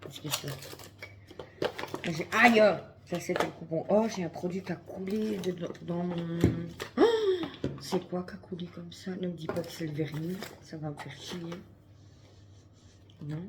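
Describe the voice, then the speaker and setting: A woman's voice: on the low side, fairly even intonation, a little slow, pauses often, background noise. A woman vlogging in casual chat to camera, chatty and swearing freely, talking through a headset.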